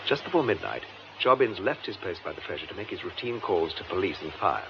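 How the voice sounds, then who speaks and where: In a radio drama, a composed, methodical English detective superintendent explains a case in a low-pitched, sing-song male voice with varied intonation. His delivery is measured, formal and precise, his mood calm and explanatory. The recording is muffled, lo-fi and slightly noisy, with faint noise throughout.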